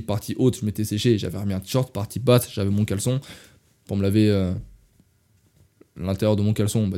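A young French man with a fairly low, mellow voice rambles through travel anecdotes on a casual podcast. He keeps correcting himself and starting over, and he talks straight to listeners, whom he calls "les gars".

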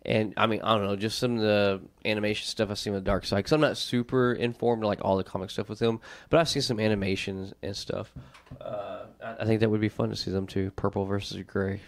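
A man's voice: fairly low pitch, steady tone, a little fast. A man hosting a casual chat, laid-back and laughing often, hedging his opinions. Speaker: host. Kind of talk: casual chat about fictional matchups.

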